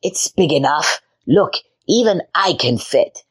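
A woman's voice: deep voice, expressive, takes it slowly, breathy edge, exaggerated voice. A woman voicing a sly, greedy old witch who eats children, sweetly coaxing one moment and screaming the next.

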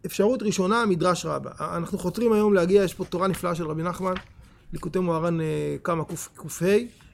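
A rabbi teaching a Torah lesson with a high-pitched voice edged with gravel. He talks with animated emphasis and keeps turning to his listeners with questions. The delivery is lively and direct, aimed at a room full of people. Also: a little hiss or hum. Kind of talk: Torah lesson to a live audience.

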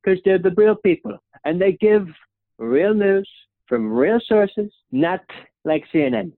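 At a measured pace and with lively intonation, a young man lampoons a bragging male president, rambling, flattering himself and capping lines with "okay?" in a falling pitch. It's a comedic impression with no room sound and tinny, phone-like audio.

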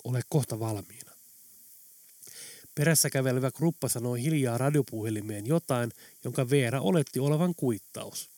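A man narrating an audiobook in a steady, even reading manner. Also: mid-range voice, hardly any pauses, no echo. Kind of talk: scripted narration.

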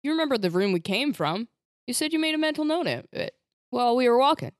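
A woman's voice: on the high side, sing-song, quick pace, no echo, clean studio sound. A woman playing a tabletop game, bantering playfully with the others. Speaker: player. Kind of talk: casual tabletop play.

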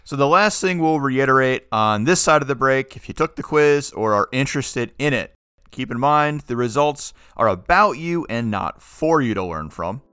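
A man's voice: medium pitch, animated, normal speed, fairly bright tone, clean tone, no room sound, studio quality. A man hosting a podcast in casual chat, joking and teasing his co-host.

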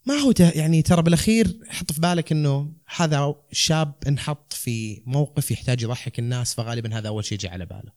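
Very fast-talking Saudi man, rambling casually. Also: a little high, a little mellow. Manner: rambling, mixes in English terms. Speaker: stand-up comedian, guest. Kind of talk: casual conversational explanation.

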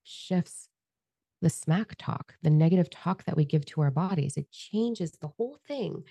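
Low gravelly woman hosting a podcast. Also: animated, dark tone, dry recording. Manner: enthusiastic, nurturing, quick asides. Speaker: podcast host and coach. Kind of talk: casual podcast chat.

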